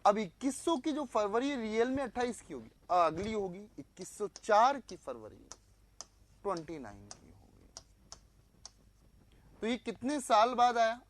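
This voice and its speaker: A man's voice: high voice, sing-song, unhurried, long pauses. A male teacher running a live online class, quizzing students, repeating their answers back and mixing in English phrases.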